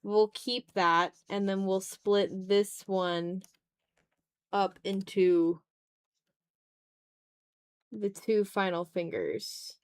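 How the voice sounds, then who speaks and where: This art streamer, a woman in her twenties at home, speaks very slowly with long pauses in a clean, mid-range voice with no room sound. She mutters to herself as she draws, chatting casually in a self-deprecating, lightly sweary way.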